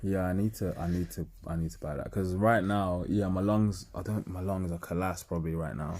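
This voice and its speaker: Low-voiced London man, casual. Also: fairly even intonation, brisk, darkish tone, slight background noise. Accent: London English. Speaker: podcast host. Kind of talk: casual chat, with slang.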